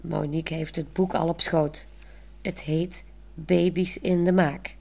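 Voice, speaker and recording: A woman narrating a storybook in a plain, clear reading style. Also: deep voice, level tone, unhurried, darkish tone.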